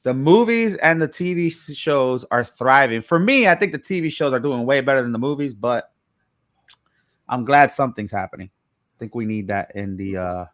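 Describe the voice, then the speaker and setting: A man's voice: medium pitch, expressive, normal speed, a bit bright, no room sound, clean studio sound. A man hosting a casual live-stream chat, upbeat, greeting guests and reading comments over a video call. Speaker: host.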